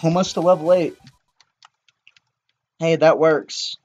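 A young man casually commenting while playing a video game, rambling with frequent excited outbursts. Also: a little high, takes it slowly, faint music behind. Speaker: gaming channel host. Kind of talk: let's-play commentary.

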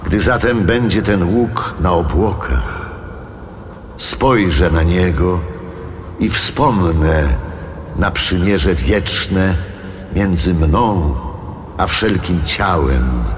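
An actor playing God as a solemn, majestic, commanding deity, declaiming in measured phrases in a dramatised audio Bible. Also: male voice, low voice, noisy background. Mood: solemn, promising. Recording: long cavernous reverb over music.

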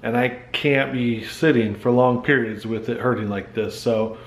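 A man's voice: mid-range voice, steady tone, moderate pace. A middle-aged American man narrating a casual vlog in a folksy, lightly joking way. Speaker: vlogger.

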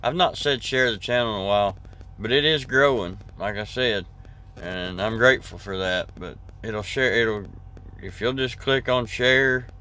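A man in his forties with a drawl, rambling on in a relaxed, easygoing way and restarting his sentences a lot. His voice sits fairly low. He's talking to a camera held close in the cab of a parked truck. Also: moderate pace. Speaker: trucker vlogger. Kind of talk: casual vlog chat to camera. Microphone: camera at arm's length.

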